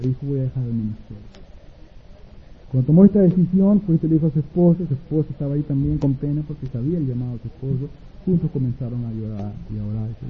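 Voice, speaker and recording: A man preaching a sermon who acts out an anecdote in many voices, swinging between soft and loud. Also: mid-range voice, breathy edge. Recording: dull lo-fi recording.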